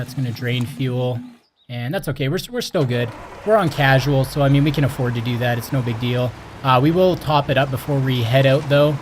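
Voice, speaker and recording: A young man from Canada hosting his gaming channel, chatting excitedly and exclaiming as he plays. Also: mid-range voice, a little hiss or hum. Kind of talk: casual game commentary.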